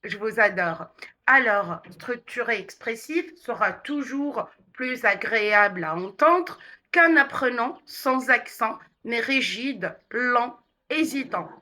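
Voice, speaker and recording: A woman with a Tunisian accent teaches pronunciation in an unhurried, carefully articulated way. Her voice is bright and sits a little high. She stretches out the vowels when she drills sounds. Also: animated. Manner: slow, deliberate articulation, exaggerated vowels in drills. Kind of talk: online pronunciation lesson.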